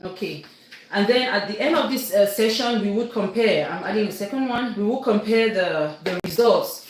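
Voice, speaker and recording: Hosting a cooking livestream, a Cameroonian woman with a Cameroonian English accent gives a chatty, instructive baking demo and keeps checking in with her viewers. She speaks expressively in a mid-range voice at a moderate pace; the room is very echoey with faint noise.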